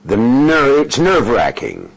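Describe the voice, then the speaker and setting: Answering interview questions, an older interpreter whose first language is Russian speaks slowly and haltingly, with frequent fillers and restarts. His creaky voice sits at medium pitch but swoops wildly up and down.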